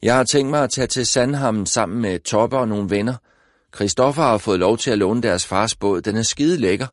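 A man's voice: on the low side, dry recording, studio quality, close to an everyday voice. A man voicing a sulky, dismissive teenage boy in an audiobook, with offhand replies.

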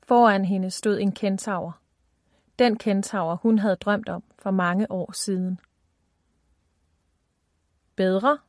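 A woman narrating a children's fantasy audiobook in a calm, even storytelling voice. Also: mid-range voice, dry recording, clean studio sound.

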